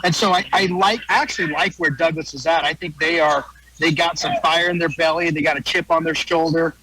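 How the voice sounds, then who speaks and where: A man's voice: fairly high pitch, steady tone, fairly quick, pushed and bright, slight background noise, poor audio. An American man giving a folksy, casual sports preview as a guest wrestling analyst, repeating phrases for emphasis.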